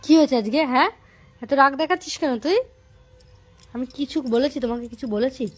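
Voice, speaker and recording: A young woman with a high voice talks to her snapping pet dog. She coaxes and pleads, repeating the same short phrases again and again. Faint music plays underneath. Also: brisk. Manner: soothing and pleading with repeated words. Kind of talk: coaxing talk to a pet.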